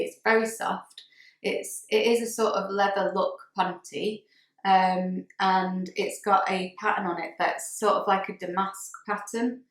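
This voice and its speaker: A woman's voice: fairly low pitch, reverberant, rough recording. A woman talking casually to camera about her sewing, chatty and hesitant with many ums and restarts. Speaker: sewing vlogger.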